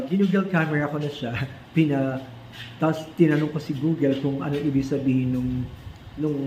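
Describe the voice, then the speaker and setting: A man with a Filipino accent tells a personal story in a casual style, switching between Tagalog and English with frequent restarts. His voice is fairly high but mellow. It is recorded in an echoey room on slightly dull audio with faint noise behind it. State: forgetful since treatment. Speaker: vlogger recounting his cancer diagnosis.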